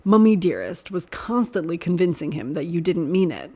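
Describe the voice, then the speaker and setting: A woman voicing a male priest with a low, rumbling, growling voice, soft and restrained. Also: sing-song, moderate pace, breathy edge. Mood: low, tender.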